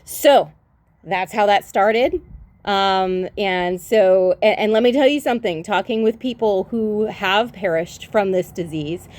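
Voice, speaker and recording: Setting up a tarot reading on a relaxed phone livestream, this woman is chatty, fond and meandering. Her mid-range voice has a darkish tone and a slightly slow pace.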